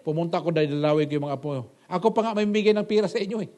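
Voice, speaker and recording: A man's voice: on the high side, fairly even intonation, very fast, dark tone, natural voice. A stern aging father who scolds firmly, voiced by a male preacher within a sermon anecdote. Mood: scolding. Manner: scolding, firm.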